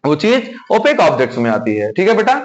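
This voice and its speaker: A man's voice: on the high side, huge pitch swings, fast talker, crowd noise. A man teaching a science class in a classroom, asking students questions and repeating the key words back to them. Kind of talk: classroom lesson. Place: classroom with whiteboard. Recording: dull lo-fi sound.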